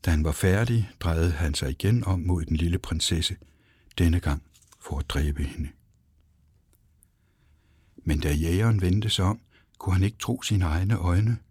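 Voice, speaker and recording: A man reading a fairy tale aloud as an expressive, dramatic storyteller. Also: deep voice, long pauses, husky, no echo, clean studio sound. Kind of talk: storybook narration.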